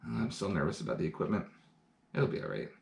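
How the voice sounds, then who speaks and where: Low, darkish, and sing-song, this man's voice moves quickly, with some vocal fry. He live-streams a science lesson from indoors at home, chattily and eagerly explaining each step of his hands-on experiments.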